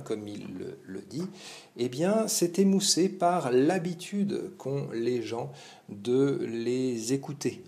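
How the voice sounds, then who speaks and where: A man's voice: medium pitch, darkish tone. Hesitant man explaining a poem. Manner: hesitant, many fillers and verbal tics. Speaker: literature teacher. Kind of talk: spoken text commentary lesson.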